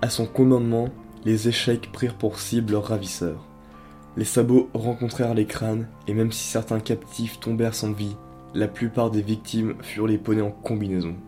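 Brief: male narrator, low mellow voice, dramatic story reading, faint music underneath.

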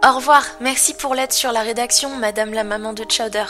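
A chatty little boy pony from a storybook, eager and upbeat, as a woman puts him on. His voice sits high and sounds bright. It stays lively and young. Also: a little fast, soft background music. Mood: cheerful.

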